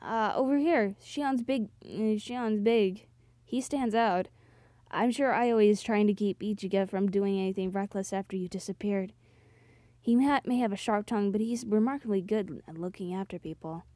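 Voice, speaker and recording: Woman reading as Soji, a gentle young man. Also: medium pitch, normal speed, no echo, studio quality, pitched below the performer's own voice, lightly acted. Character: gentle caring young man, protective companion.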